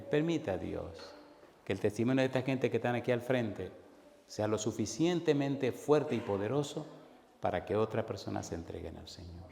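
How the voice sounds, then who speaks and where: A pastor from a Caribbean Spanish-speaking country preaches a sermon built on stories, animatedly acting out the characters' voices. His voice is on the low side and creaky. Recorded in a church hall, it carries a long reverb and faint noise.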